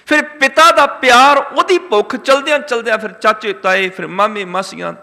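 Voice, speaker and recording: Brief: male preacher, bright and forceful tone, intoning scripture and driving home each point with repetition. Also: high-pitched, in a large hall. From Punjab, India. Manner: chants scripture lines slowly, emphatic repetition. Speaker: Sikh preacher. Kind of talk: religious discourse.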